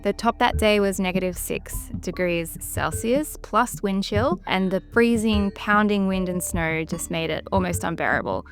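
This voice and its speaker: A woman giving scripted travel narration in a measured, descriptive storytelling manner. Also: medium pitch, soft background music. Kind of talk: scripted documentary-style narration.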